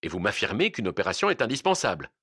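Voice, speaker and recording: A man reading aloud and voicing a calm, cautious surgeon who weighs his words. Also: fairly low pitch, quick pace, breathy edge, dry recording, studio quality, heavily acted. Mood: measured.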